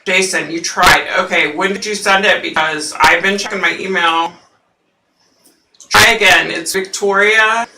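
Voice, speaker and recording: On a home livestream, a female psychic chats casually and rambles with her viewers, leaning on lots of fillers. Her voice is fairly low, scratchy, and husky, with a steady tone, a measured pace, and a pushed, bright quality. She's picked up from a distance in a roomy space.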